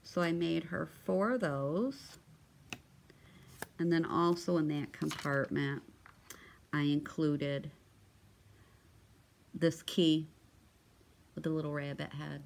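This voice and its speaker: Slow-talking low-voiced woman crafter. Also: fairly even intonation, vocal fry, a little hiss or hum. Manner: chatty, gushing, with many ums and restarts. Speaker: crafting vlogger. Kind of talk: casual show-and-tell vlog.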